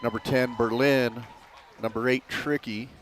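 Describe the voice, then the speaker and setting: A man's voice: mid-range voice, steady tone, unhurried, rough recording. A man giving casual game commentary as part of a sports broadcast team.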